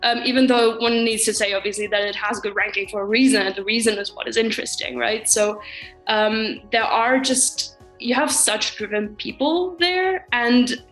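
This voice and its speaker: A woman's voice: on the high side, normal speed, fairly bright tone, soft background music, low-quality recording. A woman in her twenties, a master's student, talking casually about her studies with frequent ums and likes. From Finland and Germany. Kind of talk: casual interview talk.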